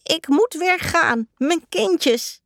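A woman doing a high fretful magpie. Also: lively intonation, drawn-out words, fairly bright tone, dry recording, clean studio sound, exaggerated voice. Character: busy fussy male magpie parent.

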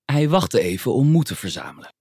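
A man narrating a children's story in an expressive storytelling manner on a close microphone. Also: mid-range voice, a little fast, gravelly, breathy edge, no echo.

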